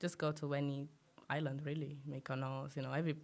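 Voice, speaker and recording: A young woman, Greek-born and raised in Romania, chats easily as a guest musician in a casual interview. Her voice sits low and sounds darkish, delivered flat and fast. She's easygoing, uses lots of fillers, and laughs often.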